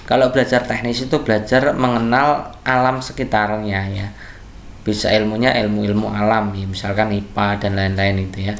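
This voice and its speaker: A man tutoring online who talks through exam questions at an unhurried pace. He reads each answer option aloud in turn. He keeps checking in with his viewers by asking them to agree. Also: mid-range voice, vocal fry, a little hiss or hum. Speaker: online test-prep tutor.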